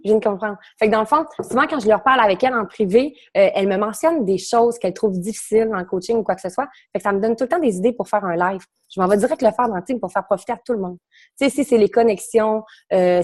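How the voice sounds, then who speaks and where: A woman's voice: mid-range voice, darkish tone. A young woman with a Quebec French accent, a coach sharing her experience in a casual round-table talk, rambling and correcting herself, with something in her throat. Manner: fast, rambling, self-correcting.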